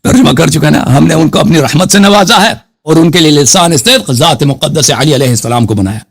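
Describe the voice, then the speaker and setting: A man hosting a live call-in show, arguing hotly with a caller, cutting him off and reciting Arabic scripture slowly. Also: on the high side, husky. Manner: combative, keeps cutting the caller off. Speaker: host. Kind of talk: heated live call-in debate.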